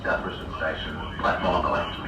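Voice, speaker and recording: A man giving calm, formal pre-recorded announcements, played over train loudspeakers. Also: a bass voice, brisk. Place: inside a moving train carriage. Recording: echoey distant loudspeaker with loud train noise.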